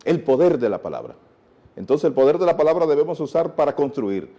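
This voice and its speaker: A man's voice: a little high, very animated, brisk, mellow, muffled recording. A Dominican man, a speaking teacher, explaining in a TV interview with a didactic manner and many rhetorical questions.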